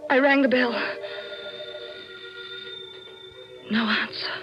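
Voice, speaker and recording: A woman's voice: sits high, fairly even intonation, a little fast, over music, close to an everyday voice. An actress playing a proud, frightened married woman in an old-time radio thriller, with refined, theatrical diction. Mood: haunted, tense. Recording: muffled, noisy old radio drama recording.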